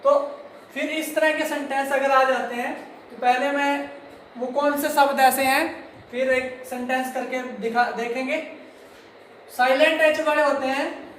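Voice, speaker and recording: A man teaching English grammar to students, repeating words slowly and speaking to the class directly. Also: very high voice, fairly even intonation, fairly bright tone, slight background noise. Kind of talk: classroom lesson explaining to students. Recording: very echoey room.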